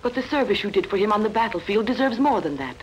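A performer as wistful young Princess Sira, faint noise. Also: female voice, mid-range voice, lively intonation, fast talker, close to an everyday voice, poor audio. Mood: wistful, tender. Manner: formal, tender, earnest. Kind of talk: dubbed sword-and-sandal film acting. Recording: film dub with faint background noise.

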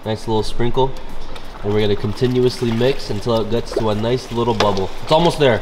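Casual cooking commentary comes from a young man in a large home kitchen, enthusiastically raving about the food as he cooks for his vlog. He speaks a little fast in a medium-pitched voice over background noise.

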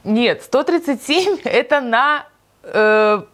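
A woman's voice: fairly high pitch, lively intonation, takes it slowly, fairly bright tone. A woman talking casually and unscripted, amused and stifling giggles.

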